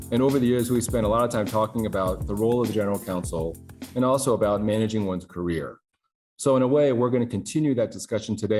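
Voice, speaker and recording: A man's voice: fairly low pitch, a little mellow. A man hosting an interview, asking friendly questions with light jokes. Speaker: interview host. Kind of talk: casual interview conversation.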